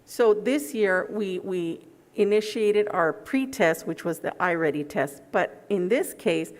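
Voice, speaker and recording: A woman's voice: mid-range voice, measured pace. A woman talking through a face mask, giving a formal presentation and answering questions as a school program presenter. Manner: speaking through a face mask, slightly muffled. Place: large indoor board meeting room. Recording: echoey meeting hall.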